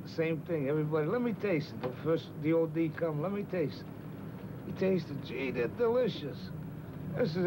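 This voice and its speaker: An older male fisherman telling a lively anecdote aboard a fishing boat, acting out the voices of the people in his story. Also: a little high. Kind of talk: storytelling interview. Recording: noisy old film documentary sound.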